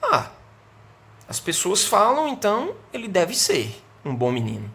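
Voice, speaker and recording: A Brazilian man teaching an English grammar lesson online. He explains patiently, keeps asking "né?" and "certo?", and slows down to model the English sentences. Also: high-pitched, huge pitch swings, creaky, fairly bright tone. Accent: Brazilian Portuguese.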